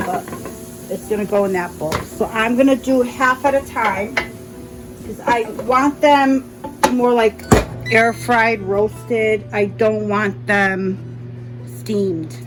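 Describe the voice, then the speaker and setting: A woman with a mild speech impediment talks through her cooking in a home kitchen at an unhurried, drawn-out pace. She chats to the viewer, thinks aloud and corrects herself mid-sentence. Faint music plays underneath. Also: mid-range voice, low-quality recording. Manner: chatty, thinks aloud, self-correcting asides. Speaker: cooking vlogger. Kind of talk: casual kitchen narration while cooking.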